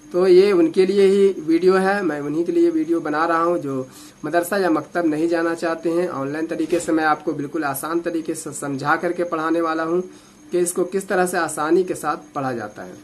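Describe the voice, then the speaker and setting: हिंदी-उर्दू लहजे वाला एक पुरुष कुरान शिक्षक, जो आयतें धैर्य के साथ एक-एक हिज्जे में तोड़कर धीरे-धीरे पढ़ाता है।. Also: male voice, fairly high pitch, fairly even intonation, slight background noise. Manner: patient, drawn-out syllable drilling. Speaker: Quran teacher. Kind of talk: slow spelled-out recitation lesson.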